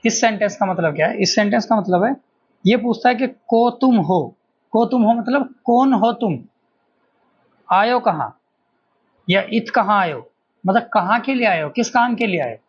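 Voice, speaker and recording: High-voiced man teaching a lesson. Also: expressive, measured pace, pauses often, husky, dull audio. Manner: explains step by step, asks and answers his own questions. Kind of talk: exam-prep grammar lesson.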